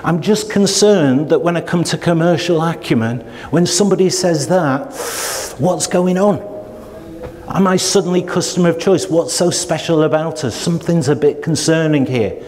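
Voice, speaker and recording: In a training room with long hall reverb, a man teaches procurement to trainees. With a fairly high, darkish voice at a moderate pace, he asks rhetorical questions and plays the parts of buyers and suppliers.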